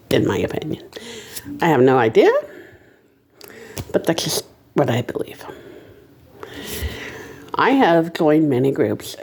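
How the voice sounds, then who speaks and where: A novice vlogger talking casually about reselling, in a nervous, halting, rambling way. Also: mid-range voice, darkish tone, husky. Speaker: reseller making a first video. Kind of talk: casual vlog monologue.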